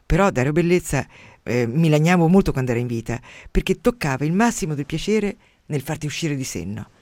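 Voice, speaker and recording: Guy on the radio reading poems, kinda high voice, super dramatic, loud bursts then goes real quiet, dry studio sound. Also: animated, brisk, no room sound. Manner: impassioned, theatrical reading with sudden loud outbursts and hushed drops. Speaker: radio host. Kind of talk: reading and commenting on poetry.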